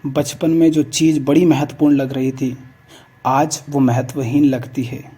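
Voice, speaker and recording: A man giving a calm, measured spiritual discourse, urging listeners again and again to let go. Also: medium pitch, breathy edge. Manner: calm, measured preaching with repeated exhortations. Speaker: spiritual speaker.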